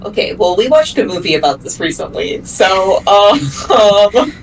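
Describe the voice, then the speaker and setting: A woman's voice: medium pitch, sing-song, moderate pace, far from the mic, a little hiss or hum, rough recording. A woman playing a tabletop game, asking questions and thinking aloud in casual talk. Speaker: player.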